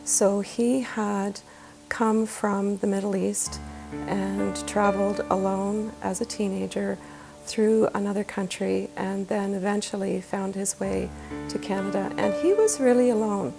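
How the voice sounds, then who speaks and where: A woman who is a clinical manager speaking earnestly in a documentary interview, measured and repeating words as she thinks. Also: medium pitch, steady tone, vocal fry. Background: music.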